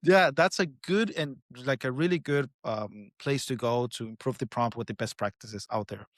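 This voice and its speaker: A man's voice: mid-range voice, normal speed, dry recording. Man, latin american spanish accent, podcast host, hesitant, repeats words, dry sound. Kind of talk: casual interview talk.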